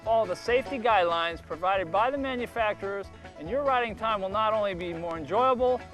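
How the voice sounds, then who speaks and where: High-voiced man narrating a safety lesson from a worn VHS tape copy. He reads a scripted lesson with firm, cautionary instructions. Country guitar music plays clearly behind him. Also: fairly quick, a bit bright. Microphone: voice-over.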